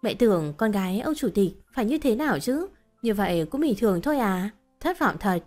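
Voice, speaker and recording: A woman's voice: mid-range voice, big pitch swings, a little fast, a little mellow, soft background music, lightly acted. A woman voicing a scheming, whining mother-in-law. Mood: complaining. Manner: wheedling and complaining.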